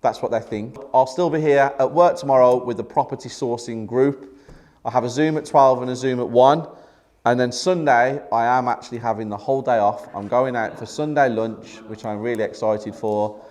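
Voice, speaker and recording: A man's voice: mid-range voice, steady tone, normal speed, a little mellow. A young man, a property developer, talking upbeat and direct to viewers in a casual vlog at his office. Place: office headquarters, indoors.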